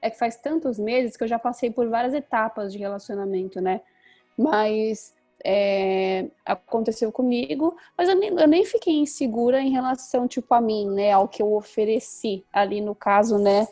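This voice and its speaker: A woman's voice: on the high side, steady tone, moderate pace, warm tone, soft background music. A woman in a casual group chat, rambling with lots of fillers and restarts.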